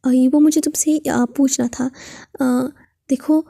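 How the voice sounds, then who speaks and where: A woman voicing a shy, innocent eighteen-year-old girl who speaks hesitantly, with many pauses. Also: high-pitched, steady tone, vocal fry, warm tone, no echo, clean studio sound, full character voice. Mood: shy pleading.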